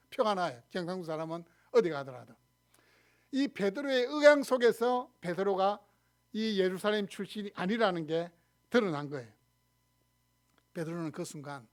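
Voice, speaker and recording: A male pastor with a Gyeongsang accent preaching a sermon, telling the story expressively and acting out quoted lines. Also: high voice. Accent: Gyeongsang Korean. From Gyeongsang region, Korea. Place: church sanctuary.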